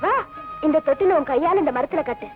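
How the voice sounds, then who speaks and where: An actress playing an eager young wife who coaxes and pleads, in 1980s film style. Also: female voice, sits high, expressive, brisk. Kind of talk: 1980s Tamil film acting. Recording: tinny, narrow old film soundtrack with faint music.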